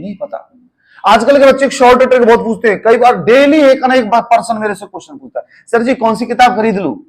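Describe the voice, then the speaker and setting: A man, teaching nursing exam students in a direct, coaxing way and calling them his children. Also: high-pitched. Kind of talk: lecture.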